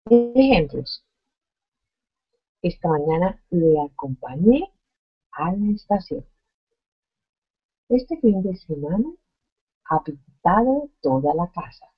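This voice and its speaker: A woman teaching a grammar lesson at a slow, careful pace. Her voice is soft and breathy. The audio is dull and lo-fi. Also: fairly low pitch, big pitch swings. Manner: slow, deliberate explaining with spoken examples. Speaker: Spanish teacher.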